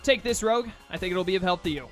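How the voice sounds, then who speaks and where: A man's voice: high voice, animated, fast, soft background music. A man voicing a kindly, loyal lion-man warrior from a video game, with formal, solicitous phrasing. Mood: loyal, encouraging.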